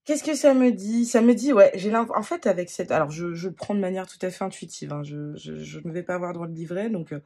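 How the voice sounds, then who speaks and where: Husky tarot card reader, gentle and halting, lots of restarts, mid-pitched voice. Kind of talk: spontaneous card-reading monologue.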